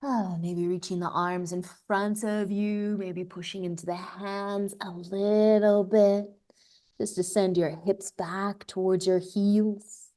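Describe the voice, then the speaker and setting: A woman teaching a live yoga class, giving slow, soothing cues and drawn-out breath prompts. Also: medium pitch, little pitch movement, dark tone. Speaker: yoga instructor. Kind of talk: guided yoga class instruction.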